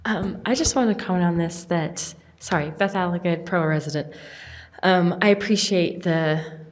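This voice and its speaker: A woman's voice: lowish voice, moderate pace. A woman with a Utah accent giving public comment at a city council meeting, earnest and a bit rambling. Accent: Utah English.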